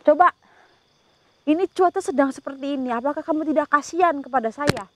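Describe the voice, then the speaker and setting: Woman ghost hunter, fairly high voice, coaxes and pleads with a spirit, murmured prayers, recorded outdoors. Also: brisk, very noisy. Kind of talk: paranormal investigation commentary. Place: outdoors at night before rain.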